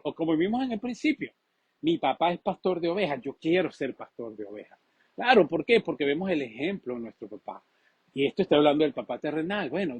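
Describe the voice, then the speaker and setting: A male pastor delivers a lively sermon in a somewhat high, husky voice. He swings between loud and soft, often acting out the people he quotes. The sound is dry and close. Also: dry recording. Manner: animated preaching, acts out quoted voices.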